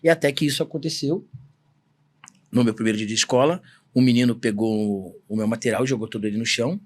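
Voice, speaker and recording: Fast-talking husky Brazilian man. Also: mid-range voice. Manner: earnest storytelling, fast and emphatic. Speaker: guest, samba singer-songwriter. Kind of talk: reflective podcast interview.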